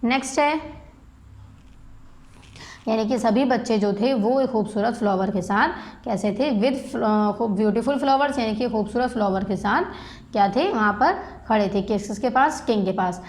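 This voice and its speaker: A woman school teacher with an Indian English accent, slowly explaining a class exercise in Hindi and spelling English words letter by letter. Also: fairly high pitch, darkish tone.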